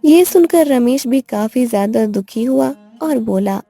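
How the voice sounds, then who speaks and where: A woman narrating an animated family story in a plain storytelling manner. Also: fairly high pitch, unhurried, slightly rough, faint music behind.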